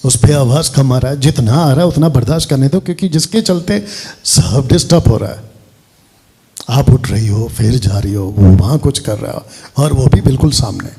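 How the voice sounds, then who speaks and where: A man's voice: medium pitch, lively intonation, moderate pace, warm tone, husky. A man preaching a sermon as pastor, directive, often breaking off to give instructions. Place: church hall.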